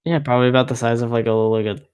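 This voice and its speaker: A man's voice: mid-range voice, fairly even intonation, rapid-fire, darkish tone, smooth. A man hosting a podcast over a voice call, telling stories in a laid-back way and laughing often. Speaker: podcast host. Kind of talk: casual chat. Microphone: computer mic on a voice call.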